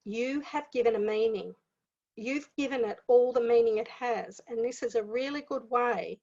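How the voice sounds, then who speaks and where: Woman giving a spiritual talk, kinda high voice, repeats herself a lot, muffled lo-fi sound. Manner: conversational, repeats phrases for emphasis. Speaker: spiritual teacher. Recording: dull lo-fi sound.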